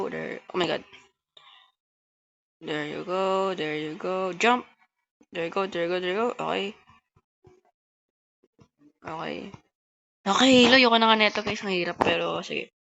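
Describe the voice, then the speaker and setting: A woman who talks fast, giving casual gameplay commentary and chatting to her viewers as host of a gaming channel. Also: medium pitch, gravelly, fairly bright tone, muffled recording. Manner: fast-talking.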